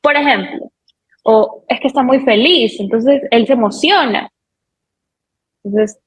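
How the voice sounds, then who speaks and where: A woman explains things patiently, building up example after example. Her voice sits a little high. The sound is dull and muffled. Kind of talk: explanatory talk-show conversation.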